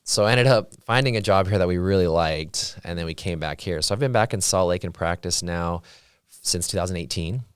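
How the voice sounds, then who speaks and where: A man in his thirties talks fast and loosely, leaning on filler words as a guest on an interview show. His voice sits very low. The sound is dry and close. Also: smooth, no echo. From Utah, raised partly in Saudi Arabia. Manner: chatty, many "like" and "you know" fillers. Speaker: plastic surgeon guest. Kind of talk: casual interview chat.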